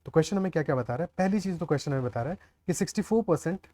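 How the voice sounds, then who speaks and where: A man's voice: fairly high pitch, animated, rapid-fire, mellow. A man teaching a maths lesson step by step, often checking with the class whether they follow. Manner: explains aloud, often checks the class with "clear?" and "okay".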